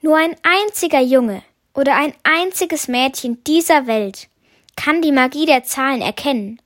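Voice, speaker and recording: A wise talking number one from a children's storybook explains things patiently, as a woman reading aloud puts it on. The voice is high and clear. It sounds close and dry. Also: unhurried, a bit bright, dry recording. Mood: solemn.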